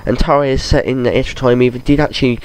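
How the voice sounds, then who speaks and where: A man's voice: medium pitch, fairly even intonation, fast, darkish tone, smooth. A man with a cold, chatting casually and rambling over game footage, often restarting his sentences as he talks about football. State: has a cold. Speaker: gaming channel host.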